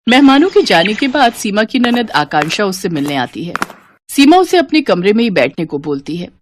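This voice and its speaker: A woman narrating an animated moral story in an expressive storytelling manner. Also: mid-range voice, normal speed, a little hiss or hum.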